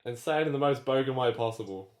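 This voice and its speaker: A man's voice: medium pitch, quick pace. A man co-hosting a casual podcast interview over an internet call, enthusiastic and full of eager questions. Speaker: podcast co-host.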